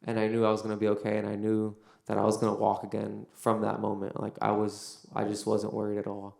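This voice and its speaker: Gravelly young man, casual storyteller. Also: on the low side, monotone, a little fast, darkish tone. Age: young adult. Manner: casual storytelling, many fillers. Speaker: son giving a testimony. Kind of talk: personal faith testimony. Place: university venue. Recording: echoey room.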